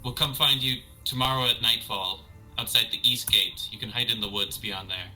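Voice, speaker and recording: A man voicing a kind, protective young woman adventurer who speaks gently and reassuringly. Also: mid-range voice, normal speed, faint music behind, poor audio.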